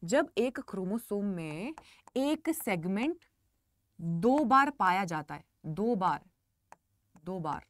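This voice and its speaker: Woman teacher, animated up-and-down voice, dry close sound, repeats key words. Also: medium pitch, takes it slowly, pauses often, dry recording. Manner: repetitive, emphatic, addresses students as children. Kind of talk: online lecture.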